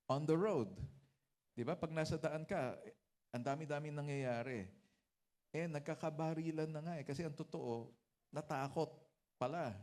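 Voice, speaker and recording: A man's voice: mid-range voice, a little mellow. A man with a Filipino accent preaching a conversational sermon, mixing English and Tagalog and often adding tag questions.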